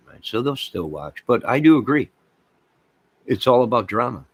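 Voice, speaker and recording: In a medium-pitched, sing-song voice with a breathy edge, an American online channel host rants emphatically to his audience at normal speed. He's opinionated, repeats phrases for emphasis and sarcastically ridicules views he disagrees with. There's no echo.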